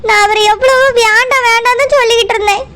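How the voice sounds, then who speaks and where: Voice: extremely high pitch, fairly even intonation, quick pace, pushed and bright. A performer voicing a young village wife who cries as she complains about her mother-in-law, in a Tirunelveli accent. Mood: tearful. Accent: Tirunelveli Tamil. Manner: complaining, aggrieved. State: crying.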